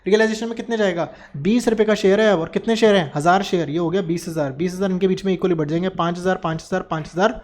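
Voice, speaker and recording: A male commerce teacher quizzes his class in a classroom lecture, asking questions and answering them himself while mixing Hindi with English terms. His voice sits high, races along, and is a little mellow.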